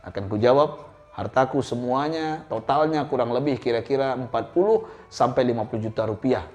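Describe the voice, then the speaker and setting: Man playing a calm older businessman. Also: medium pitch, close to an everyday voice. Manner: calm, slow and measured.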